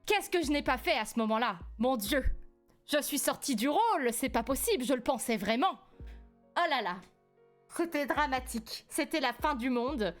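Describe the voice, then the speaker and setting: Young woman streamer, animated storyteller, faint music underneath. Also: sits high, normal speed. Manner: animated, laughs often, rises sharply when indignant. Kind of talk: casual live-stream storytelling.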